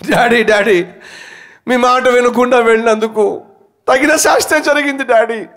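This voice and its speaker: A man's voice: very high voice, fairly even intonation, brisk, fairly bright tone, voice pushed up. A man voicing a crying young son who pleads with his father for forgiveness, repeating "daddy" as he wails. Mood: wailing plea.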